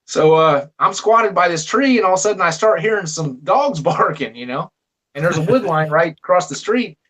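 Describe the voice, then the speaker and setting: Higher-pitched man, rambling storyteller, restarts a lot, laughs as he goes. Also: expressive, moderate pace, fairly bright tone. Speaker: guest storyteller. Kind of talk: casual storytelling.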